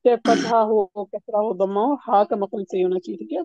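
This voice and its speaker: A woman's voice: medium pitch, fairly even intonation, warm tone, dry recording, dull audio. A woman teaching a recitation class, patiently correcting her students' pronunciation step by step over an online call.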